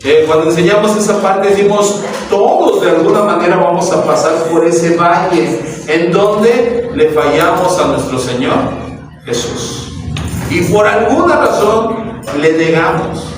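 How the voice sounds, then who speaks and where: A man's voice: sits high, a little slow. A Mexican man preaching a sermon as pastor, asking his listeners questions and acting out the voices he quotes. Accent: Mexican Spanish. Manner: acts out quoted voices, asks the crowd questions. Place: church hall. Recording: very echoey hall, distant mic, faint hiss.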